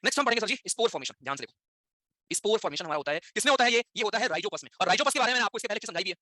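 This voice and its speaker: A young man delivers an online lecture at a rapid clip. His high, bright voice stays chatty, and he keeps asking his students questions as he goes. The sound is dry and close, with almost no room around it. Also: lively intonation, no room sound. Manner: chatty, addresses students directly with frequent tag questions. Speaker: teacher.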